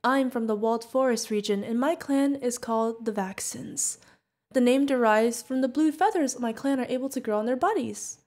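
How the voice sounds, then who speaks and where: A woman's a little high, darkish voice, lightly acted and at normal speed, plays a feathered alien bartender for an ASMR roleplay. The sweet, curious, friendly character chats with the listener in a friendly, chatty mood.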